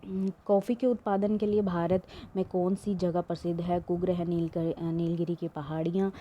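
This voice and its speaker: A woman's voice: lowish voice, flat delivery, moderate pace, warm tone, highs cut off, slight background noise. A woman teaching an exam-prep lesson, reading questions aloud and explaining them with many fillers and restarts.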